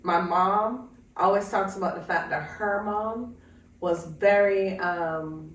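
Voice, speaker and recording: A woman's voice: lowish voice, takes it slowly. A woman in her fifties from Jamaica, co-hosting a podcast and telling family stories in a reflective, casual way. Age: 50s. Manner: reflective, storytelling with many "like" fillers. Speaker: podcast co-host. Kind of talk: casual conversation. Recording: roomy sound from a distance.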